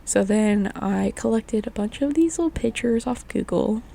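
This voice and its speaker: A young woman vlogger with a hoarse, raspy voice from a chest illness, chatting casually and rambling through a voice-over. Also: medium pitch, expressive, moderate pace, dark tone, slight background noise. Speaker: craft vlogger. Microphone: voice-over mic.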